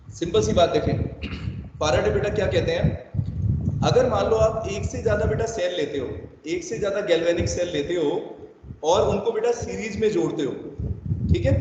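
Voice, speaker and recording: High-voiced man teaching chemistry in an echoey room. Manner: scolding then explaining, calls students beta. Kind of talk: online class lecture. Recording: echoey, dull, noisy room recording.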